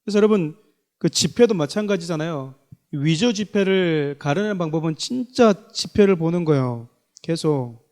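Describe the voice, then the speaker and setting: High-voiced man preaching a sermon. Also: expressive, normal speed, darkish tone. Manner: emphatic, addresses the congregation with rhetorical questions. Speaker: pastor.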